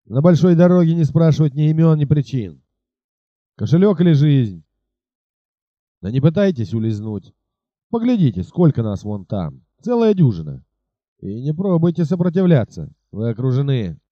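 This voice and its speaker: A man voicing a fierce bearded robber chief in an audiobook, with a gruff, raised delivery. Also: on the high side, sing-song, moderate pace, no room sound, dull audio. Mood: menacing.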